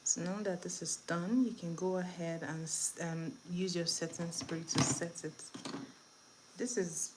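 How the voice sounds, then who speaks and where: A woman from eastern Nigeria hosts a makeup tutorial livestream, chatting casually with viewers and giving step-by-step instructions as she works. Her voice is on the low side, a little mellow, steady in tone, and measured in pace. Room ambience and clear background noise are audible.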